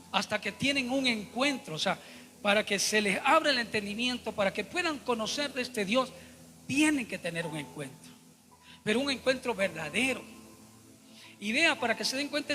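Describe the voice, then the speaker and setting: A man's voice: extremely high pitch, pushed and bright, big-room sound. A man preaching a Bible study sermon, emphatic and repetitive, often turning to address his listeners as brothers.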